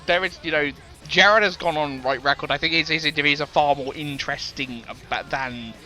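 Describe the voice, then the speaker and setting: A man co-hosts a casual music podcast, talking briskly in a slightly high, sharp-toned voice. He rambles, fills the air with fillers and restarts, and laughs easily.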